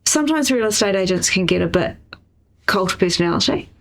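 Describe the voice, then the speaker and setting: A woman's voice: medium pitch, expressive, brisk. A woman with a New Zealand accent explaining things in a podcast interview, often posing questions and checking with "right?". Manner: explanatory, uses rhetorical questions and tag "right?". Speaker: interviewee, real estate industry chief executive.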